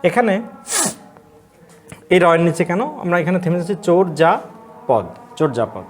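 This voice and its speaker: Lecturer from Bangladesh drilling pronunciation. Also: male voice, high-pitched, sing-song, soft background music. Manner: explains step by step, repeats each word slowly, asks and answers his own questions. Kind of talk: online class lecture on pronunciation.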